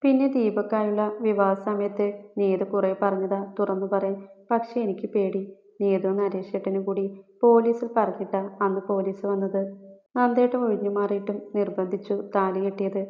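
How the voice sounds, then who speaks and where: A woman's voice: medium pitch, steady tone, moderate pace, natural voice. A woman reading as a shy, devoted young village girl. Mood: tender. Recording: roomy, dull lo-fi sound.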